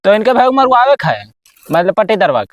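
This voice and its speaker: Man acting a high-voiced pushy Awadhi-accented village fixer. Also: big pitch swings, moderate pace, lo-fi sound, noisy background. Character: pushy village go-between arranging a contract killing. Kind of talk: amateur rural comedy sketch acting.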